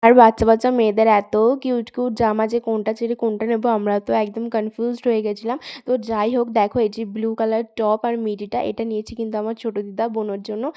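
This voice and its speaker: A young woman with a hoarse voice from a cold, chatting to her viewers in a casual vlog voice-over. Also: on the high side, darkish tone. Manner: chatty, addresses viewers directly. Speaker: vlogger.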